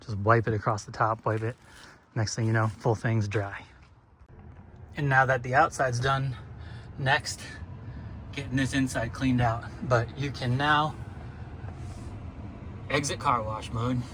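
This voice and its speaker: A man's voice: medium pitch, unhurried, long pauses, background noise. Casual man chatting outdoors while washing a car. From northeastern United States. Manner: relaxed, rambling, filler-heavy. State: slightly out of breath. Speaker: vlogger.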